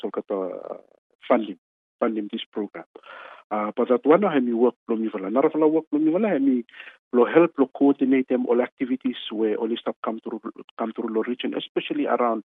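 A man with a Melanesian accent giving halting interview answers in Solomon Islands Pidgin mixed with English, drawing out and repeating words. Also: mid-range voice, breathy edge. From Pacific Islands. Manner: halting, with drawn-out words and repetition. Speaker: interviewee, regional meteorology official. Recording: tinny phone-like radio line.

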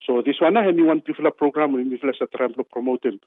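A man with a Melanesian accent giving halting interview answers in Solomon Islands Pidgin mixed with English, drawing out and repeating words. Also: mid-range voice, dry recording. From Pacific Islands. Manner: halting, with drawn-out words and repetition. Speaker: interviewee, regional meteorology official. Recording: tinny phone-like radio line.

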